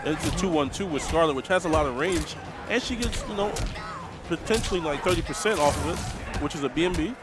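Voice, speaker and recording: A man commentates a fighting game match live. His voice is a little high, and he breaks down tactics in an analytical, conversational manner. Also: lively intonation, fairly quick. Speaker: esports commentator.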